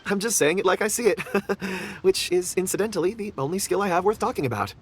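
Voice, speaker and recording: A man's voice: sits high, expressive, fairly quick, very noisy. A man voicing a genial, absent-minded young rock enthusiast in a video game, polite and eloquent. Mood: eager, amused. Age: young adult. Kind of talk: video game dialogue acting.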